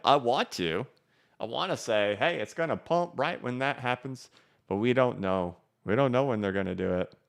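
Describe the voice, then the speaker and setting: This crypto streamer has a gravelly, mid-range voice and talks at normal speed. Recorded through a studio microphone, he works through super chats from his live-stream audience, answering loosely and rambling with frequent false starts.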